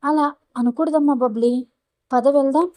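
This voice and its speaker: A woman narrator voicing a gentle caretaker woman. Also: sits high, steady tone, normal speed, dry recording, close to an everyday voice. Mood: hurried. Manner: polite, gently pleading. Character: middle-aged caretaker woman, gentle, protective.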